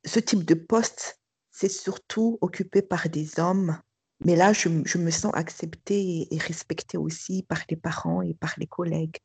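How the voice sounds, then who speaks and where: A woman's voice: on the low side, steady tone, measured pace, creaky, a little mellow, slightly rough, dry recording. A middle-aged woman, a school director, giving a hesitant personal testimony full of fillers and restarts. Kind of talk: testimony interview.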